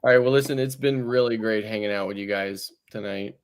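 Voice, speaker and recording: A sleepy man chatting on a late-night livestream over a video call, calmly explaining things. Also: lowish voice, brisk, smooth. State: sleepy, yawning. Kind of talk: casual livestream chat.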